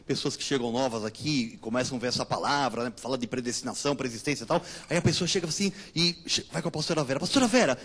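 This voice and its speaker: A man, a pastor, chiming in during a sermon with quick affirmations and amens. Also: medium pitch, fairly bright tone, breathy edge. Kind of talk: sermon interjection.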